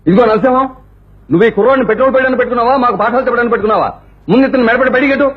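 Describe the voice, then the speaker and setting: Furious customer ranting fast, really high voice, thin old movie sound, loud music. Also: male voice, dull audio, heavy background noise. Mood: angry. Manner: rapid, complaining. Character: angry customer complaining at a petrol pump.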